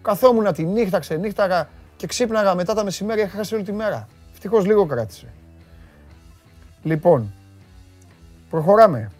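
A man hosting a live stream, greeting viewers and reading their comments in a playful, teasing way with sudden loud bursts. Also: high voice, animated, long pauses, faint music behind. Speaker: host.

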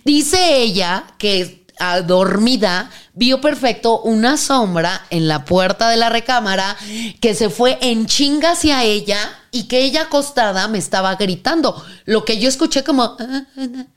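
A woman's voice: on the high side, measured pace, clean tone. A woman with a Mexican accent, chatting on a podcast and telling a story expressively. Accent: Mexican Spanish. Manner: expressive storyteller who acts out voices. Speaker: podcast co-host. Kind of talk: casual chat.

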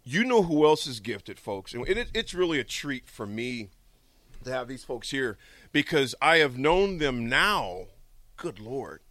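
A man's voice: mid-range voice, unhurried, dry recording. A middle-aged man hosting a radio show in a studio, telling stories with jokes and frequent laughter. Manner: animated, jokey storyteller who laughs a lot. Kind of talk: lively radio talk.

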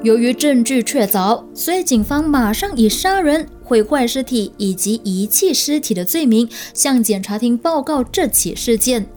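High-pitched woman narrating true crime. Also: expressive, moderate pace, hardly any pauses, darkish tone, soft background music. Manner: suspenseful true crime narrator, addresses listeners directly. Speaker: true crime show host.

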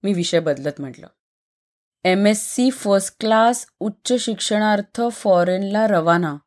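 Woman reading a lively story aloud. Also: mid-range voice, measured pace. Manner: switches voices between two young women friends in lively banter. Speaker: narrator reading a short story. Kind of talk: story reading with acted dialogue.

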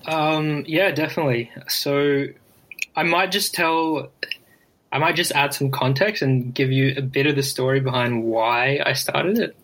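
Podcast guest: young man, reflective and halting in casual conversation. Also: medium pitch, a bit bright, a little hiss or hum. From Brisbane, Australia. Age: 20s. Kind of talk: casual interview chat.

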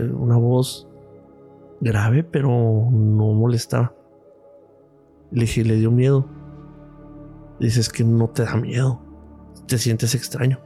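Mellow Mexican man telling a story. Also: medium pitch. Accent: Mexican Spanish. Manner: lively storyteller, acts out quoted dialogue. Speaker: radiologist guest. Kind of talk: podcast storytelling.

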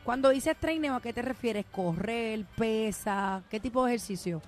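Puerto Rican woman, radio co-host, slightly high voice, animated casual chat from the studio. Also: normal speed, faint music behind.

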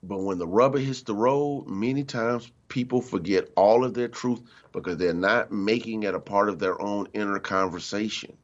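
A man's voice: fairly low pitch, moderate pace, few pauses, highs cut off. A middle-aged man giving a conversational, emphatic spiritual talk as a minister, acting out the voices he quotes. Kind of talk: spiritual teaching talk on radio.

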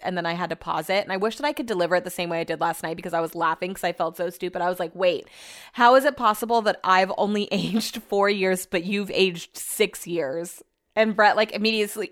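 A woman's voice: mid-range voice, fairly bright tone. A woman in her thirties talking casually in a vlog, rambling and chatty, swearing freely. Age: 30s. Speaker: vlogger.

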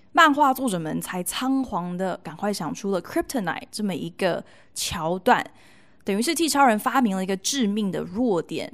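A podcast host with a Taiwanese Mandarin accent tells stories to her listeners in a chatty monologue. Her mid-range voice is expressive, with playful emphasis and colloquial particles at the ends of sentences.

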